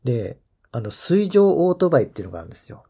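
Gravelly, dark-voiced man chatting casually. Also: very animated, racing. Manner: chatty, laughs often, trails off into low murmured asides. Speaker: golf commentary channel host. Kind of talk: casual solo commentary.

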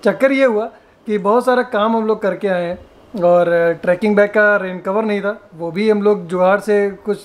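A man from Uttar Pradesh, India, around his thirties, chats casually and animatedly to a camera held at arm's length while vlogging from a hotel room. His high-pitched voice moves at a moderate pace, with some background room noise.

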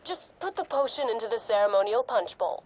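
A woman's voice: fairly high pitch, lively intonation, brisk, background noise, close to an everyday voice. A woman playing a wry, self-mocking wedding mediator.

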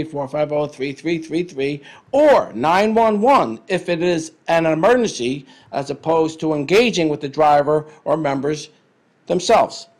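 A man, a police chief, reading a letter aloud at a town council meeting, plain and steady with some fillers. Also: fairly high pitch. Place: council chamber.

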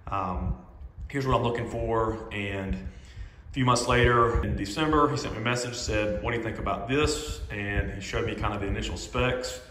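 A man in his forties giving a casual walkthrough of his home gym equipment, talking in a relaxed, chatty way with lots of fillers, recorded on a handheld phone. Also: fairly low pitch, moderate pace, slight background noise. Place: echoey home gym room. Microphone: phone camera held while walking. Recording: roomy reverberant home gym.

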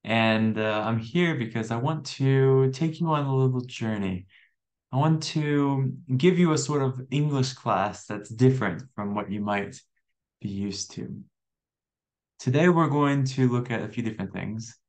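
A young American man gives an English lesson in an unhurried, measured way. He keeps a middle pitch, repeats words and puts friendly questions to the viewer. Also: darkish tone. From USA. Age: 20s. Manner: slow, friendly teacher talk, repeats words and asks questions. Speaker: English teacher.

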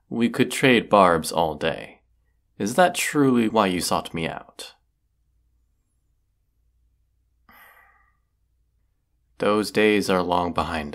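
The man plays a haughty, sardonic forest wizard in a scripted audio roleplay, proud and brooding, delivering each line deliberately. His voice sits on the low side, gravelly and heavily acted.

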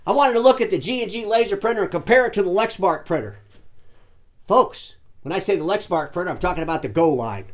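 A man hosting his own show, giving animated, sarcastic commentary and mocking imagined phone calls. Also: high-pitched, quick pace. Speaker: show host. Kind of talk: casual commentary to camera.

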